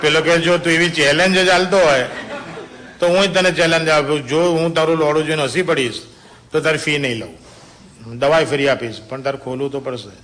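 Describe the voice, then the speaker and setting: A man telling adult jokes to a small group as a lively storyteller, dropping to a lower voice for characters' lines. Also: a little fast. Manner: lively storyteller, drops to a low voice for dialogue, laughs at own punchlines. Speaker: joke teller.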